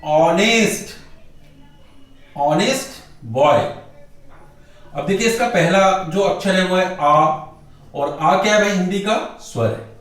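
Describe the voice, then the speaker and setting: Echoey high-voiced male grammar teacher. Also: a bit bright. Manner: keeps asking rhetorical questions and answering them himself; repeats key words slowly for emphasis. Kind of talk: classroom-style lecture. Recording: very echoey room, voice far from mic.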